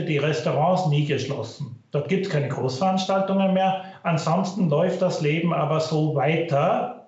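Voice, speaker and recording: Man over a muffled, echoey stream. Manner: thoughtful, weighs options carefully. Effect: low-quality online stream audio. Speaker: finance professor guest. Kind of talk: measured expert interview answers.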